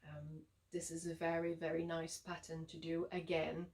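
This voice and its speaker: A woman with a French Canadian accent, a yarn dyer giving a relaxed, chatty showcase of her shop's products with frequent ums and uhs. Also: sits low, normal speed. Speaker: yarn dyer and shop owner.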